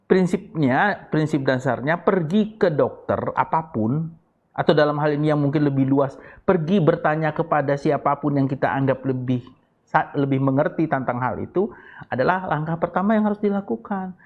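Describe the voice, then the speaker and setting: A man's voice: a little high, moderate pace. Male psychiatrist guest, chatty, plays out example conversations, muffled lo-fi audio. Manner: acts out little dialogues in raised voices. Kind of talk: casual explanatory talk.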